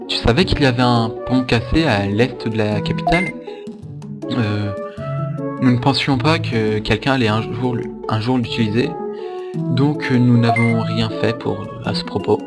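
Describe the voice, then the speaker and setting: A man's voice: mid-range voice, unhurried, natural voice. A man reading as a helpful little creature. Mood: calm. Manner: reads game dialogue with many hesitations. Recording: loud game music behind.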